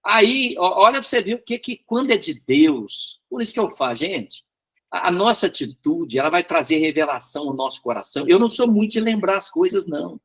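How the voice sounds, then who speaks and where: A man's voice: high voice, expressive, brisk, a bit bright. A man teaching a Bible study and telling a personal story, often repeating words and tagging his sentences with questions.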